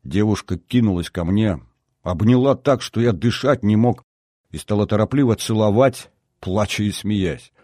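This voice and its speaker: Male audiobook narrator, low voice, wry even delivery, dry close recording. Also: moderate pace, dry recording. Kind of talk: first-person novel narration.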